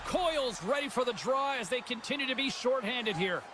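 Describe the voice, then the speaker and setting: A man calling live hockey play-by-play in an excited manner, raising his voice on shots and goals. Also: very high voice, normal speed. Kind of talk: live sports commentary. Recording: loud crowd and arena noise.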